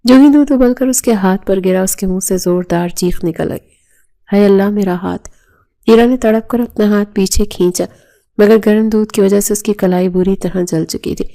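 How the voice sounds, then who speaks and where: A woman narrating a romance novel in a steady, even storytelling voice. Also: mid-range voice, gravelly.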